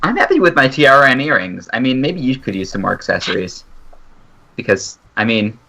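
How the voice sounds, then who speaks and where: Male player, bright timbre, slow scheming delivery, faint noise behind. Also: mid-range voice, sing-song, gravelly. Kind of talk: tabletop role-play chat.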